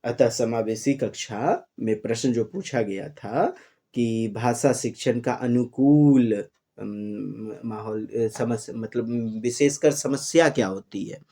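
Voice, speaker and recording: A man's voice: mid-range voice, slow pace, mellow. A man teaching an exam-prep lesson, reading Sanskrit questions and explaining them in Hindi, often turning to his listeners with emphatic questions. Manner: mixes Hindi, Sanskrit and English, calls listeners "sahab", rising emphatic bursts.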